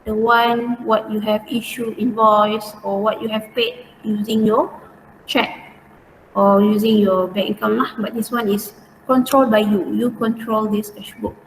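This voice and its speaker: A woman's voice: medium pitch, little pitch movement, a little slow. A woman with a Malaysian accent teaching an informal online lesson step by step, in colloquial Malaysian English sprinkled with particles like lah and eh. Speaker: accounting teacher. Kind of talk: informal online lesson, talking through worked steps. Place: indoors, online class. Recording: roomy, distant mic, faint noise.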